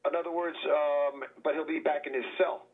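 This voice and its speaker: A man's voice: a little high, fairly even intonation, a little fast. A man, a defense attorney, calling into a court hearing over a speakerphone, talking hesitantly with many fillers and restarts. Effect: heard over a courtroom speakerphone. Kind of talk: phone call into a court hearing. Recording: tinny phone line on speakerphone.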